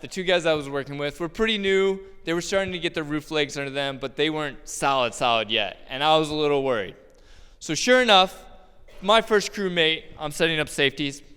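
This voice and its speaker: A man's voice: on the high side, fairly bright tone, clean tone. A man telling a personal story about his roofing work on stage, casual and joking, with many fillers. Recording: long hall reverb.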